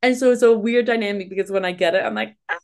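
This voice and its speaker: A woman's voice: medium pitch, fast. A woman hosting a podcast, talking animatedly, saying "like" constantly and acting out her own reactions. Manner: animated, says "like" constantly, acts out quoted reactions. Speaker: podcast host. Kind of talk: casual podcast conversation.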